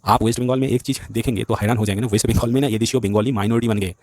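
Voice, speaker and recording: A man from West Bengal, India, races through a heated political monologue in Hindi, his voice lowish and darkish with fairly even intonation. The recording is dry; he's an agitated vlogger who repeats himself and keeps saying "bhai sahab."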